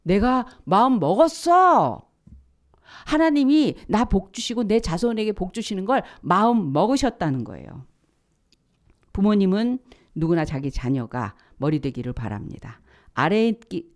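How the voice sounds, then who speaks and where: A woman pastor preaching at a church service. She asks rhetorical questions, repeats her key points, and drops now and then to a hushed, breathy whisper. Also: on the low side, big pitch swings, normal speed. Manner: rhetorical questions and emphatic repetition. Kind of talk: sermon.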